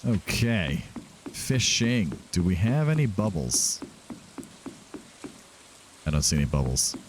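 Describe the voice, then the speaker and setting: A man's voice: sits low, sing-song, slow pace, noisy background. A man doing casual let's-play commentary as a gaming host, chatting to himself and to the game's characters. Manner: talks to himself and to game characters.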